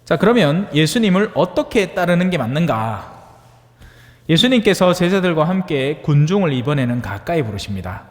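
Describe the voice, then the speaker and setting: Lively priest preaching in a hall. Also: male voice, a little high, moderate pace. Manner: conversational, asks the audience for agreement; acts out voices in dialect-tinged asides. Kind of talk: homily on the Gospel.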